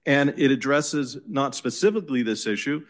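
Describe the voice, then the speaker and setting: A man with a Boston accent, an attorney making an oral argument before appellate judges in a measured, insistent way. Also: mid-range voice, lively intonation. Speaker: attorney arguing an appeal.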